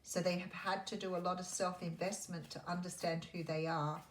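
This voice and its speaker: A woman giving a mystical tarot horoscope reading, speaking in an intuitive, musing way with pauses as she works through the cards. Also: on the low side, flat delivery. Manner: intuitive, musing, pausing as cards are turned. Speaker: tarot reader. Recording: roomy echo, faint background noise.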